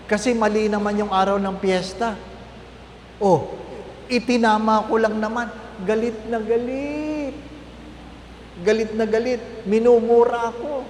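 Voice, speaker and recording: A man's voice: high-pitched, echoey room, long reverb tail, a little hiss or hum. A man, a priest, gives a conversational Lenten talk to a congregation, often checking in with tag questions. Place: parish church.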